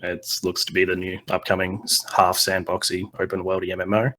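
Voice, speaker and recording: Male co-host, deep voice, deadpan and blunt. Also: a little fast. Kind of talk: casual podcast chat.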